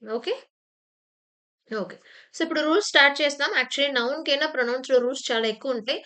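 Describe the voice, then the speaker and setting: A woman's voice: sits high, fast, bright, forceful tone. A woman teacher giving an exam-prep grammar lesson, explaining patiently with repeated examples and sometimes acting out short phrases with sudden emphasis. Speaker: English teacher. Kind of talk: exam-prep lecture in Telugu mixed with English terms. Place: online class recording.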